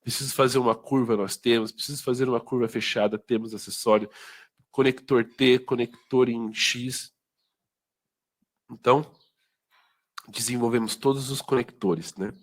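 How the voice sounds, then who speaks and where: A man's voice: mid-range voice, fairly even intonation, moderate pace, pauses often. A man with a Brazilian Portuguese accent giving an informal sales training talk, conversational and full of tag questions and fillers. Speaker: product presenter.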